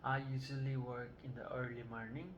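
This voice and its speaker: A woman playing an older Vietnamese-born male patient who answers in a halting, hesitant way in a scripted health assessment role-play. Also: very deep voice, flat delivery, lo-fi sound. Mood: calm. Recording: noticeable background noise.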